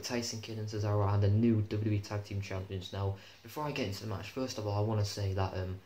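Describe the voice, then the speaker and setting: A man's voice: on the low side, a little mellow. A young man giving an opinionated, casual review of a wrestling show, swearing freely as he talks. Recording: echoey room with faint hum.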